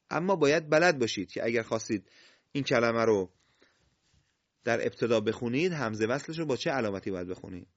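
A man teaching the rules of Quran recitation, explaining step by step, quizzing his listeners and reading example words slowly. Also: mid-range voice, fairly bright tone. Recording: slightly dull lo-fi recording.

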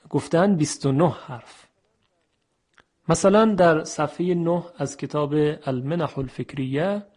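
Measured Persian radio teacher, a man. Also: fairly high pitch, darkish tone. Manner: measured, explanatory, formal Persian with Arabic recitation. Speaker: radio Quran tajwid teacher. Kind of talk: educational radio lesson.

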